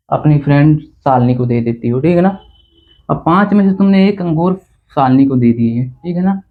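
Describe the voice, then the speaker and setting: A man teaching a basic math lesson in a chatty, teasing way, checking often that students follow. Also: fairly high pitch. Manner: chatty, teasing, repeats "theek hai na" to check understanding. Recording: tinny phone-like sound.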